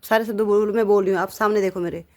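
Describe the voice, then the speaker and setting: A woman teaching a child to read, strict and patient, saying each word slowly and clearly for the child to repeat. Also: medium pitch, steady tone. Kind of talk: patient one-on-one reading lesson.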